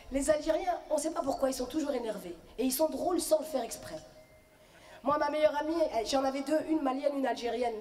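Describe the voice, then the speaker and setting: Brief: a comedienne with a high voice, telling lively stories on stage. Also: female voice, reverberant. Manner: lively, storytelling. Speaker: stand-up comedian. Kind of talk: stand-up comedy.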